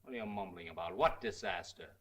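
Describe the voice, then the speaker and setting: An actor playing a brash, cocky American newspaper reporter, trading wisecracking slangy banter in a 1930s screwball comedy film. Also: male voice, sits low, fast, fairly bright tone, slight background noise. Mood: puzzled, urgent.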